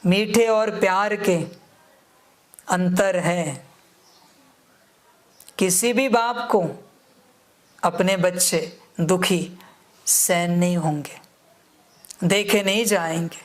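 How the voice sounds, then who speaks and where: A woman delivers a devotional discourse at an unhurried, measured pace, speaking to her listeners as beloved children. Her tone is admonishing, and she keeps circling back to reminders to pay attention. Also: fairly low pitch. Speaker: spiritual teacher.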